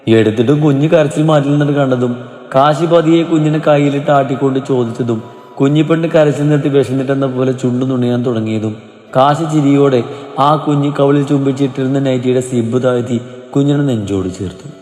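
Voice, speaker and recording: A man narrating a family story in a gentle, steady storytelling manner. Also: mid-range voice, a little fast. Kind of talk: scripted narration. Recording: roomy reverb, soft music behind.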